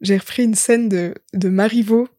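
A woman's voice: medium pitch, fairly even intonation, moderate pace, warm tone, no echo. Parisian french accent woman just chatting, slangy, keeps cutting herself off, super dry sound. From Lozère, southern France. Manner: slangy, informal, full of self-interruptions. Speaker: interview guest, stage actress. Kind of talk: casual chat, telling personal anecdotes.

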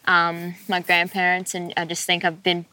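A woman's voice: lowish voice, completely flat delivery, moderate pace, sharp tone, slight background noise, low-quality recording. A woman, chatting sincerely in a casual group conversation. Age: 20s. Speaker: guest.

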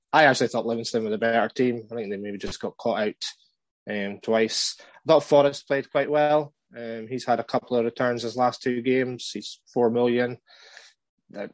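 A man co-hosting a casual fantasy football podcast, giving measured advice with frequent hesitations. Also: mid-range voice, no echo. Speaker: podcast co-host.

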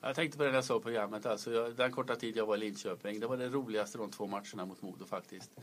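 A man's voice: on the low side, steady tone, a little hiss or hum. A man who used to coach, reflecting on his matches and explaining tactics at length. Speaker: podcast co-host, former coach. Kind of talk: casual chat.

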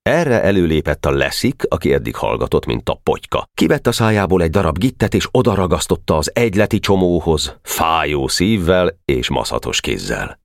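Deep expressive male audiobook narrator. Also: gravelly, hardly any pauses, no room sound, clean studio sound. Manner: expressive storytelling. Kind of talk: audiobook reading.

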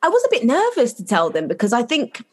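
A woman with a London accent chatting casually as an interview guest, telling stories in an animated, slangy way and acting out quoted asides. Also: a little high, quick pace, slightly rough. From London, England.

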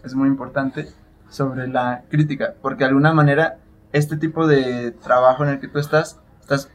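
A man's voice: medium pitch, steady tone, normal speed. A man co-hosting a podcast, asking long, thoughtful questions. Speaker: podcast co-host. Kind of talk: casual interview chat.

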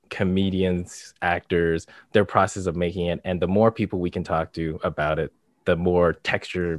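Male podcast co-host, low register, monotone and casual, recorded dry and close. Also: no echo. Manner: monotone, flat delivery.

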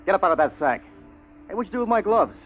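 Brisk male crewman, lively pitch, tinny radio, faint music. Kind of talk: 1950s radio drama acting.

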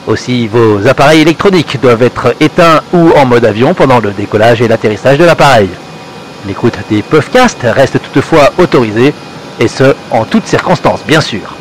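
A man speaking in the measured, ceremonious tone of an airline captain greeting passengers. His pitch sits mid-range but moves around a lot, rising and falling through each phrase. A faint hiss sits under the voice. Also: expressive, low-quality recording. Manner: formal, stately cabin-announcement delivery. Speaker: podcast host. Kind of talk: mock airline captain announcement.

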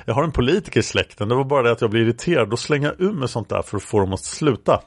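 A man reading aloud the lines of a young woman witness from an interview transcript, in a flat reading voice with the speaker labels spoken. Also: medium pitch, dry recording, clean studio sound. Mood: recounting. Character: young woman witness recounting a café encounter.

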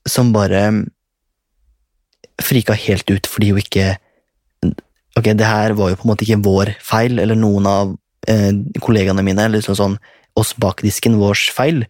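A man's voice: lowish voice, darkish tone, no room sound. A young man casually telling a story in a rambling way. He swears often and laughs as he goes.

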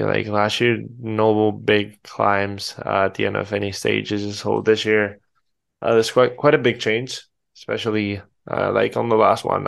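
A man's voice: on the low side, gravelly, fairly bright tone. A man hosting a podcast, chatting casually and putting unscripted questions to his guest. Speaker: podcast host, interviewer. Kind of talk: casual unscripted interview chat.

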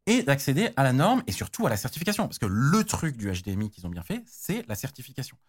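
A man's voice: medium pitch, sing-song, fast talker, slightly rough. A man explaining technical standards in casual chat, slangy, with many restarts and fillers. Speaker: tech guest expert.

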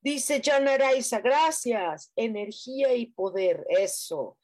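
A woman's voice: a little high, expressive, takes it slowly. A Mexican woman hosting a casual live stream, chatting playfully and reading out comments from viewers. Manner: playful, chatty, breathy hushed guiding. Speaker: host of a live spiritual stream.

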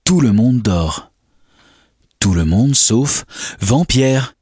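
A man's voice: medium pitch, animated, very slow, darkish tone, slightly rough, no room sound, studio quality. A man narrating a scripted children's bedtime story.

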